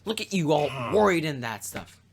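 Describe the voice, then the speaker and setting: A man's voice: on the high side, big pitch swings, normal speed, creaky, slight background noise. A man voicing a scheming, impatient queen who mocks her husband in a raised, exasperated voice. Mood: scornful, frantic.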